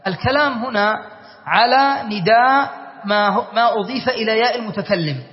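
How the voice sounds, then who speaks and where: A man's voice: sits high, fairly quick. A man teaching a classical Arabic grammar lesson, explaining a verse step by step, repeating key words and checking that his students follow. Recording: dull lo-fi audio with long hall reverb.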